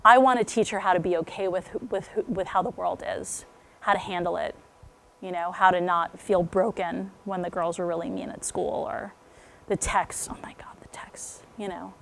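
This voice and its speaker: A middle-aged woman with a lowish, gravelly voice speaks candidly to a live group of parents, keeping a steady tone at normal speed. Her manner is chatty and conversational, and she drops to near whispers for asides.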